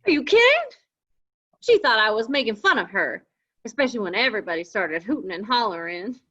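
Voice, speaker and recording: A woman's voice: mid-range voice, animated, quick pace, sharp tone. A woman reading the part of an anxious young man who talks in a folksy cowboy drawl, in a live script reading. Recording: dull lo-fi audio.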